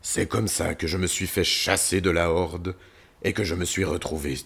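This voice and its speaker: A sulky, growling lion in a children's story, lonely and quick to anger, as a man puts him on. His voice is deep and gravelly, with a husky edge. He speaks slowly. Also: steady tone, fairly bright tone, full character voice. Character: grumpy lonely male lion, king of animals.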